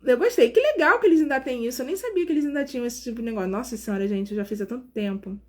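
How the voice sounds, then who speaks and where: A Brazilian nurse in her 40s hosts a casual live stream, chatting directly and warmly with her viewers. She sounds tired but animated, with a slightly high voice, a racing pace, and frequent fillers.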